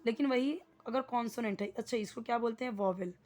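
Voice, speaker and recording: A woman teaching grammar, explaining in Hindi and reading examples slowly and deliberately. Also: fairly high pitch, darkish tone. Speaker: English teacher. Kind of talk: slow classroom explanation.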